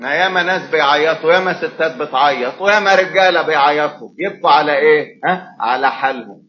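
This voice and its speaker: Egyptian male preacher, slightly high voice, dramatic swings in volume, echoey lo-fi recording. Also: fast, slight background noise. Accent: Egyptian Arabic. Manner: dramatic, swings between hushed and loud passages. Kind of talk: sermon. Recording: roomy, dull sound with faint ambience.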